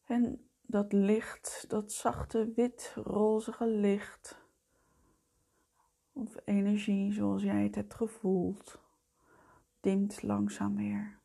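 A woman leading a guided meditation in a soft, breathy voice that often fades towards a whisper, soothing, gentle and unhurried. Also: mid-range voice, level tone. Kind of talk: slow guided meditation narration.

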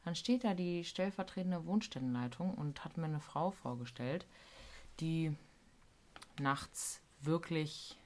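Lebhaft erzählende Frau mit tiefer Stimme. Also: female voice, low-pitched, slow. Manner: animated storytelling, acting out quotes, slangy. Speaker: podcast co-host, care worker. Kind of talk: casual podcast chat.

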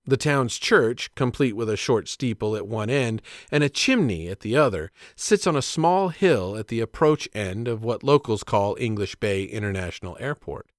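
A man recalls a story of his own in measured, plainspoken narration, his pitch rising and falling freely. The voice is recorded dry and close, with no room sound. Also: expressive, no room sound. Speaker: storyteller and father. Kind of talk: scripted narration of a personal story.

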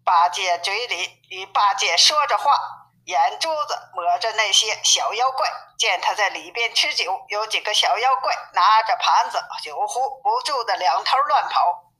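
A woman reading a classic novel aloud as a storyteller, in steady, even narration, with a tinny phone-like sound. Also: mid-range voice, measured pace.

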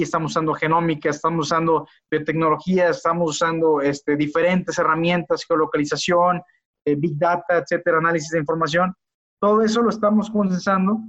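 A man speaks as a guest in a casual podcast interview. His voice sits a little high, and he talks earnestly, doubling words as he restarts his sentences. The audio is dull and lo-fi. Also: fairly bright tone.

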